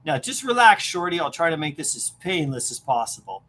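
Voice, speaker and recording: Woman doing a gruff burly wrestler. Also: sits low, big pitch swings, fairly quick, a bit bright, voice pushed down, exaggerated voice. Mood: taunting. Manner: gruff, mocking. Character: tough burly male wrestler, taunting.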